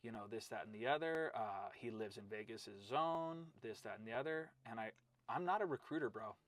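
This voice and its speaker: A middle-aged man's voice in a dry, close-miked room, mid-pitched and conversational. He's a wrestling coach spinning stories with lively acted-out quotes, dropping "bro" and "right?" as he goes. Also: moderate pace, no echo. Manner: animated storyteller, acts out quotes, says "bro" and "right?". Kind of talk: casual storytelling interview.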